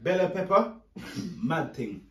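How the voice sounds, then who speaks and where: A man hosting a casual cooking video in a kitchen, talking in a relaxed way and often saying "yeah" and "quickly". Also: on the high side. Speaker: cooking show host. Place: home kitchen with frying pan. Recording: roomy sound, mic far off, loud sizzling.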